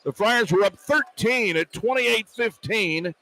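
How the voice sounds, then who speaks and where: In a high, sharp voice with lively intonation, an American man unhurriedly calls live basketball play-by-play for radio, clipping his phrases to track each pass and shot. The rough recording, made courtside at an indoor arena, has arena noise and ball bounces underneath.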